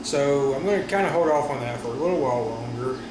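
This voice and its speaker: A man talking casually in a personal vlog after wisdom teeth surgery, with a sore stiff jaw, halting and often correcting himself. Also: mid-range voice. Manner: halting, rambling, frequent self-corrections. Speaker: vlogger. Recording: roomy echo with steady room noise.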